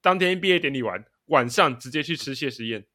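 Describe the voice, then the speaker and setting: This young podcast co-host, speaking in a mid-range voice, is expressive, fairly quick, bright and forceful. During the casual chat he spins stories and keeps laughing partway through his sentences.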